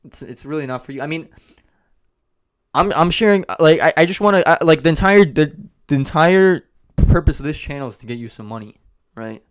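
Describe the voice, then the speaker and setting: Dude rambling thru his business vlog, smooth clear voice, keeps repeating himself. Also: on the high side, lively intonation, fairly quick. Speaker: host of a business channel. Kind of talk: casual vlog talk to camera.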